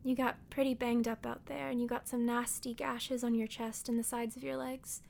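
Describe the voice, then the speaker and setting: A woman playing a teasing, soft-spoken hermit healer. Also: on the high side, little pitch movement, normal speed, gravelly. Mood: caring. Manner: gentle, playful teasing, often half-whispered. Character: teasing hermit woman tending a wounded man. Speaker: audio roleplay performer. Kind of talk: audio roleplay addressed to the listener.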